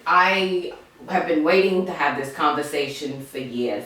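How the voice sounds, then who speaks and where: Casting: woman as a fussy, scandalized older mother; low voice, distant roomy mic. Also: measured pace, fairly bright tone. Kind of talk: improvised sitcom acting.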